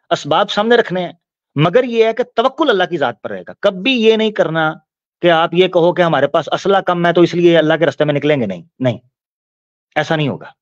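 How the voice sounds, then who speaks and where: A man giving Islamic commentary, explaining points and reciting verses slowly. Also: high voice, no room sound, muffled recording. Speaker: religious commentator.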